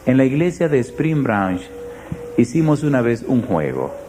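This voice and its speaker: A male pastor preaching a sermon. He tells stories and asks the congregation direct questions, swinging from loud emphasis to hushed lows. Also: very animated, a little slow, a little hiss or hum. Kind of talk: sermon with storytelling.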